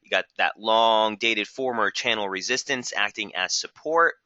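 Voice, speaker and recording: A man hosting a live trading webinar, brisk and technical, losing his voice and clearing his throat now and then. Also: fairly low pitch, sharp tone, no room sound, dull audio. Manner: brisk, technical, addresses viewers as guys. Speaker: market strategist hosting a webinar.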